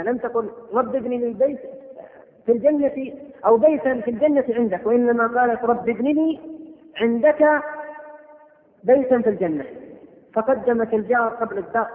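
A fast-talking man delivers a fervent religious lecture and chants lines of verse in rhythm. His voice sits very high. The audio is narrow and phone-like, with a long hall reverb behind him. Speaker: preacher giving a lecture. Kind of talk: religious lecture with recited poetry.

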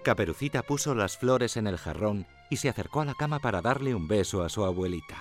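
A man narrating a fairy tale with an expressive storytelling lilt. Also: lowish voice, brisk, soft background music.

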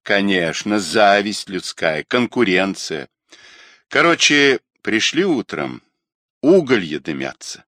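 A man's voice: fairly low pitch, very animated, takes it slowly, fairly bright tone, dry recording, studio quality, heavily acted. A man voicing a guilt-ridden young male small-time trader who talks in a confessional, self-pitying way. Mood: rueful.

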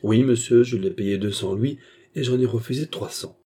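A man voicing a cold, unflappable young nobleman posing as an Englishman, who speaks with calm, impassive denials. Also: medium pitch, moderate pace, husky, close to an everyday voice. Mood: cool.

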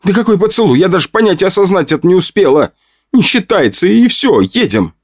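A man's voice: on the high side, big pitch swings, moderate pace, no echo, studio quality, pitched above the performer's own voice. Man voicing a feisty flustered young woman. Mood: scolding, flustered. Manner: flustered, scolding outbursts.

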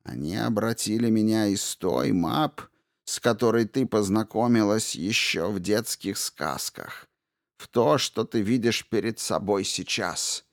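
A man voicing an old witch who was once a fairy queen, bitter and guarded, in a hushed, slow, menacing tone for an audiobook. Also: lowish voice, creaky, no echo, studio quality. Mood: hissing, bitter. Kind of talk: audiobook character reading.

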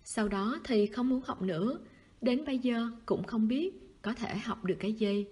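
A woman reading the lines of a wistful, quiet teenage schoolboy in a soft, husky voice. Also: normal speed. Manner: soft, low-key, sighing.

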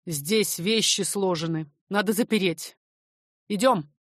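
Woman reading a brisk, commanding merchant. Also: fairly low pitch, dry recording, clean studio sound.

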